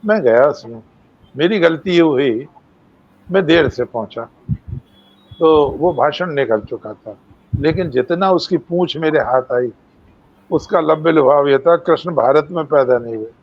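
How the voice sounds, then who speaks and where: A man's voice: on the high side, unhurried, pauses often, dull audio. An older man giving a devotional lecture, telling stories and acting out the voices of sages and animals. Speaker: main speaker.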